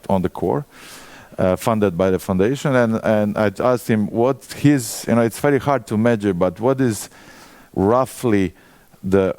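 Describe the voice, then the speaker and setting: A man in his forties with a Croatian accent gives a conference presentation. His voice is deep and mellow, recorded close and dry. He talks through his material and puts quick questions to the listeners. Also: no echo. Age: 40s. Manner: engages the audience with quick questions. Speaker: conference speaker.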